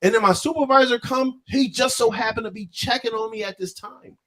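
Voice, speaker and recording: A young man with a very high-pitched voice talks fairly quickly while co-hosting a podcast. Bantering casually, he tells a story with animation and acts out the voices of the people in it.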